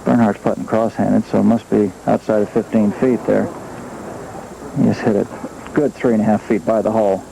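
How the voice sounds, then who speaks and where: Gravelly low male golf commentator. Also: little pitch movement, normal speed, warm tone. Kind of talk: live television golf commentary. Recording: noisy old outdoor TV broadcast. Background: outdoor ambient noise.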